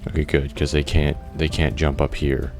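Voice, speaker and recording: Very deep-voiced man rambling over gameplay. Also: flat delivery, moderate pace, darkish tone, soft background music. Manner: rambling, thinks aloud, frequent restarts and fillers; occasional casual swearing. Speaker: gameplay video creator. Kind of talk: casual gameplay commentary.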